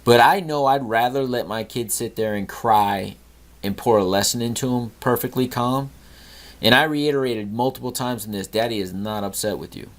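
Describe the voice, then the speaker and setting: A man's voice: mid-range voice, moderate pace. A middle-aged man hosting a podcast, telling an earnest story about a talk with his son and lecturing on gratitude. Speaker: podcast host. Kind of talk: storytelling monologue.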